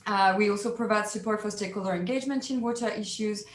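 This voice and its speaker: A woman presents at an online panel, polite and lively, with frequent small fillers. Her voice comes through a video call in a roomy space with a faint background hiss and some room echo. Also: mid-range voice, fast talker. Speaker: keynote speaker. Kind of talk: webinar presentation.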